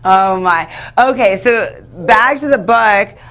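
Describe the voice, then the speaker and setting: A woman's voice: medium pitch, slow pace, a bit bright. A woman hosting an interview over a video call, giving short prompts and steering back on topic. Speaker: host. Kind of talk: interviewing a guest.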